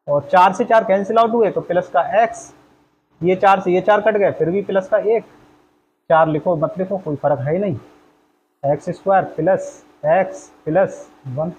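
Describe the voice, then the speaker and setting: High-pitched guy teaching math to a class, keeps asking them questions, bit of room noise. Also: poor audio. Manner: explains steps aloud, quizzes the class with questions. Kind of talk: classroom lesson.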